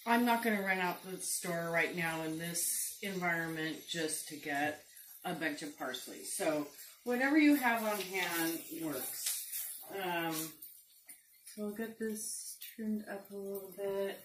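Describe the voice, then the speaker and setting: Middle aged lady talking thru a recipe, slow n easy, lots of ums, pan sizzling loud in the back. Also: lowish voice, lively intonation, slight background noise. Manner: chatty, unhurried, lots of ums. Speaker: cooking show host. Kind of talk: casual cooking demonstration. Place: home kitchen, indoors. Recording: roomy kitchen with sizzling pan. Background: frying and sizzling food.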